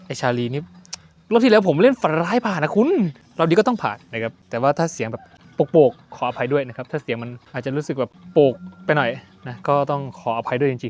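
A man hosting a horror game let's play, chatting jokily and yelping and swearing when startled. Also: medium pitch.

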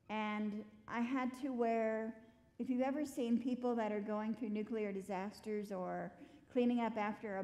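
A woman's voice: on the high side, a little mellow. A middle-aged woman pastor preaching a conversational sermon, asking the congregation direct questions. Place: church sanctuary stage. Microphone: far camera. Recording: reverberant church hall from a distance.

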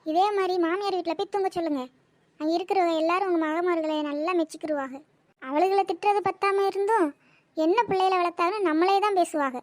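A woman's voice: very high voice, fairly quick, no echo. A woman voicing a fretful, scolding mother of three daughters in a cartoon. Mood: complaining. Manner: scolding, complaining. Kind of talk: animated cartoon voice acting.

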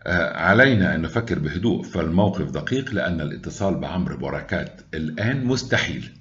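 A man voicing a calm, loyal middle-aged friend who speaks in a measured, reassuring way, in a storytelling read-aloud. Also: deep voice, muffled recording.

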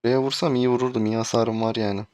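A man's voice: mid-range voice, flat delivery, very fast, darkish tone, dry recording, studio quality. A man streaming a mobile game, commenting live and getting exasperated with his teammates.

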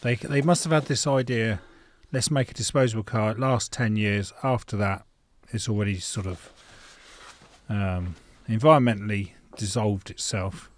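A middle-aged home mechanic with a lowish voice talks casually and frankly at a moderate pace while fixing a car in an indoor garage, thinking aloud with fillers. Faint noise and tool clicks are audible.

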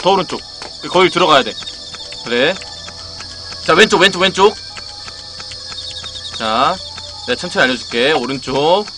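A young adult male streamer coaching a teammate through a horror game, swinging between gentle reassurance and frantic yelling. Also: a little high. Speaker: gaming streamer. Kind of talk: horror game relay commentary. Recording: clear background noise, game ambience with crickets.

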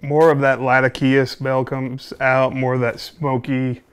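A man in his thirties talks to camera in a small home office. His voice sits at an average pitch. He delivers a casual product review off the cuff, musing and rephrasing as he goes. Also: little pitch movement, measured pace, clear, resonant tone. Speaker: pipe tobacco reviewer.

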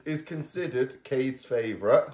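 A man's voice: mid-range voice, animated, unhurried. A man with a Mancunian accent from Manchester, casually hosting a family quiz at home in a playful, laughing way. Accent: Mancunian English. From Manchester, England. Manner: playful, laughing, slips into doting baby talk with the dogs. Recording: echoey room with background noise.

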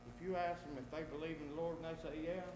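A man's voice: fairly high pitch, fairly even intonation. Sixty-year-old man in an echoey church. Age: 60s. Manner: plain, earnest, halting with fillers. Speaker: church member giving testimony. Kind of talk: spoken testimony. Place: church sanctuary. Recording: echoey church with mains hum.

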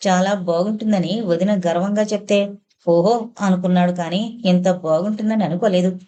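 A woman narrating an audio novel in a calm, measured storytelling manner. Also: mid-range voice. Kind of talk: scripted narration.

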